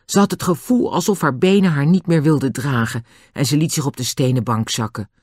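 A narrator reading a children's audiobook in an expressive storytelling manner. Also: medium pitch, a little fast, slightly rough, no echo, clean studio sound.

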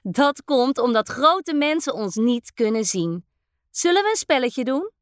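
A woman voicing a small, friendly, cheerful little ghost in a playful, teasing, high voice. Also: sing-song, measured pace, dry recording, studio quality.

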